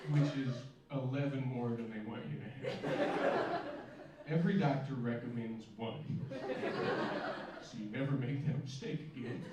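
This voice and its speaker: A man performing a stand-up comedy set in a club with dry, deadpan, self-deprecating delivery. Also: medium pitch, a little slow. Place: comedy club stage with a laughing audience. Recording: roomy, distant, noisy club recording.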